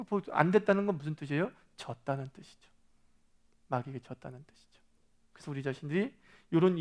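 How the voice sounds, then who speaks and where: A man's voice: mid-range voice, darkish tone. A male pastor preaching a sermon in a conversational way, often asking the congregation questions and acting out quoted lines. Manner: acts out quoted lines with animation.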